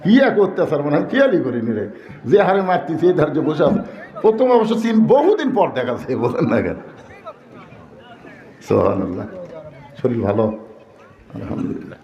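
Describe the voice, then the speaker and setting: A man preaching a sermon, animated and emphatic, breaking into sung verses and jokes. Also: fairly high pitch, fairly quick, reverberant, highs cut off.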